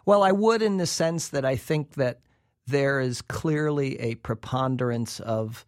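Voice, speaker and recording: A researcher appears as an expert interview guest presenting a study, explaining emphatically and repeating phrases for weight. His medium-pitched voice is unhurried, captured in a dry, studio-quality recording.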